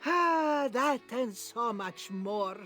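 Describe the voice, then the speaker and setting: Slow, theatrical mystical fortune teller woman. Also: a little high, lively intonation, a bit bright, soft background music, full character voice. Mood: mysterious. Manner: mystical, grandiose, dramatic formal phrasing. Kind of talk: fortune teller voice acting in a comic adventure game.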